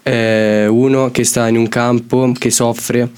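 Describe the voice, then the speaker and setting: A man's voice: medium pitch, slow pace, clean tone. A teenage boy, a student, explaining his poem hesitantly and then reading it out. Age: teens. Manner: hesitant when talking, steady when reading. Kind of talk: poetry reading.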